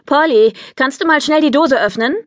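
Scatterbrained storybook mom, brisk and excitable, a bit higher, woman reading it. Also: no room sound, studio quality, close to an everyday voice. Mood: flustered. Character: flustered mother, bossy and dramatic. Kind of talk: children's audiobook reading.

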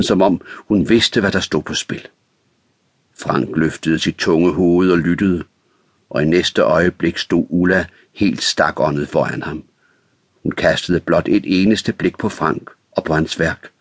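Deep, husky male narrator. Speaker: audiobook narrator. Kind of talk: scripted narration.

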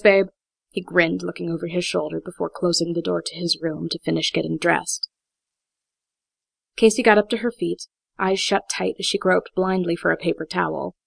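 A woman narrates an audiobook in a steady, measured read. Her voice sits a little low and is full of crackling, gravelly fry. The sound is close and completely dry. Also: no echo. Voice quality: heavy vocal fry.

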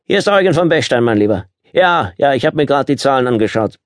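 An irritable, smug businessman husband in an audiobook, voiced by a man, condescending and falsely jovial, his voice pushed a little higher. The recording is close and dry. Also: lively intonation, fast, no room sound, lightly acted. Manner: herablassend, am Telefon aufgesetzt jovial. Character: gereizter, selbstgefälliger Ehemann und Geschäftsmann.

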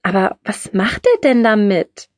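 A woman's voice: mid-range voice, big pitch swings, a little slow, no room sound, studio quality. A woman voicing a curious young woman who is short on money and asks many questions. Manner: inquisitive, surprised questions.

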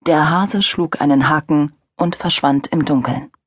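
A woman narrating an audiobook thriller in measured, even storytelling. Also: low voice, slightly rough, no room sound. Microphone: studio microphone.

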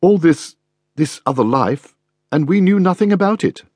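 A male audiobook narrator voicing a bold, forthright young woman who asks pointed questions, his pitch rising for her. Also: expressive, moderate pace, a little mellow, no room sound, clean studio sound. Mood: probing. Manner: forthright, probing.

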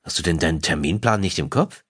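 A man's voice: deep voice, expressive, fairly quick, fairly bright tone, breathy edge, no echo, studio quality, heavily acted. A man voicing a playful, teasing wife in an audiobook, speaking in a raised, lighter voice. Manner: playful, needling, then caring. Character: teasing affectionate wife, adult woman. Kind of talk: audiobook dialogue.

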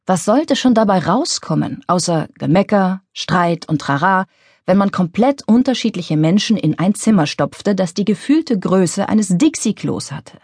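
A woman reading a contemporary novel as an audiobook, with wry, lively storytelling. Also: medium pitch, a little slow, slightly rough, dry recording, studio quality. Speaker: audiobook narrator. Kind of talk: scripted audiobook narration.

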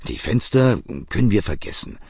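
A man's voice: on the low side, very animated, normal speed, gravelly, a little mellow, husky, dry recording, studio quality, voice pushed up, exaggerated voice. A man voicing a despairing forty-year-old police officer in an audiobook. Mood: desperate. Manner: despairing, urgent.

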